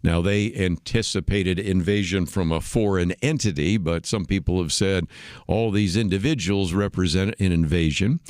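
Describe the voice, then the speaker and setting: A man hosting a radio talk show, explaining points in a measured way with frequent "uh" fillers. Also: low-pitched, a little mellow, no echo, studio quality. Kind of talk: unscripted radio commentary.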